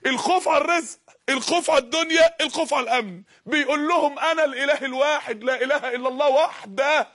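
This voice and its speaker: High-pitched rapid Egyptian preacher. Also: male voice, fairly bright tone. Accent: Egyptian Arabic. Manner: impassioned, exhorting the audience with repeated calls. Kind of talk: Islamic sermon.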